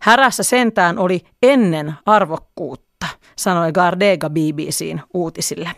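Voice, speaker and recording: A culture reporter reading scripted news narration in a measured way. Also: mid-range voice, creaky, fairly bright tone, no echo, clean studio sound.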